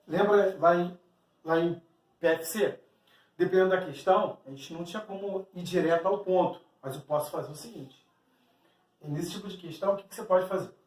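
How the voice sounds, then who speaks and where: A man's voice: high-pitched, reverberant, recorded from a distance. A man with a Brazilian Portuguese accent teaching an exam-prep math lesson, explaining step by step and talking straight to the student. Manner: explanatory, addresses the student directly, acts out student questions.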